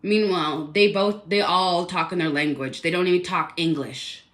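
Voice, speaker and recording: A woman's voice: lowish voice, moderate pace. A woman telling a personal complaint story in a casual, rambling, indignant way, full of fillers.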